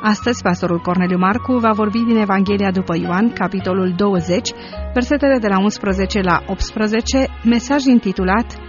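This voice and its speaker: High-voiced male radio announcer. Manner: brisk, formal announcing. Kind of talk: scripted broadcast introduction. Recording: slightly dull radio recording with faint music.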